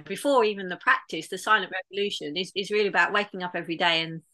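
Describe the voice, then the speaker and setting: A woman's voice: fairly low pitch, fast talker, sharp tone. A woman in casual conversation, talking in an earnest, reflective way with many restarts. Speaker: podcast guest.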